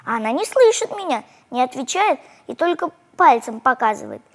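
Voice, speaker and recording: A woman reading a children's story aloud in the first person, expressive and animated. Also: high-pitched, brisk.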